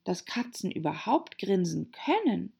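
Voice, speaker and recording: A woman's voice: medium pitch, sing-song, unhurried, gravelly, warm tone, slightly rough, heavily acted. A woman voicing a polite, somewhat timid little girl in an audiobook, courteous and eager to explain things. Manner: shy and polite, eager to show off knowledge. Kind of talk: audiobook character voice.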